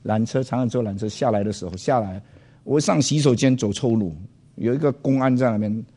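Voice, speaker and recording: An older man, a pastor, telling a personal story to an audience in a loud, animated way, dropping in English phrases. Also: medium pitch, fairly quick, breathy edge.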